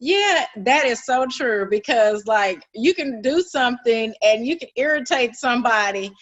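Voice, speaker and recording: A woman's voice: a little high, lively intonation, a little slow. A woman hosting an interview, agreeing with her guest and building on her points with everyday examples. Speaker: interview host. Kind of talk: conversational interview.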